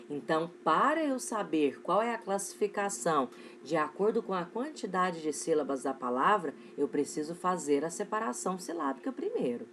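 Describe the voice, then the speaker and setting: Lively female teacher, slow word dictation. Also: on the low side, a little hiss or hum. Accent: Brazilian Portuguese. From Brazil. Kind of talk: recorded online class for children.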